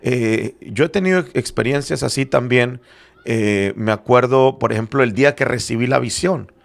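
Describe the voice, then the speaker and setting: Speaking at a normal speed in a mid-range voice with vocal fry, a middle-aged apostle of the church explains matters of faith. His manner is earnest and conversational, with frequent hesitant fillers, and he comes from a Spanish-speaking background and lives in Arizona.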